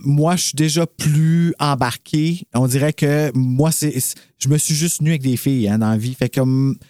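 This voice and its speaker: A man's voice: on the high side, a little mellow, dry recording. A man with a Quebec French accent co-hosts a podcast, speaking in a slightly raised voice. He rambles enthusiastically, restarting his sentences as he goes. The mic is close and dry. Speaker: podcast co-host. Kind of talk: casual podcast chat.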